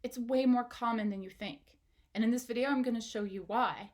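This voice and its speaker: Higher-voiced woman teaching parents. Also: brisk. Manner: asks the viewer questions, encouraging and direct. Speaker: parenting educator. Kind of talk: instructional video talk.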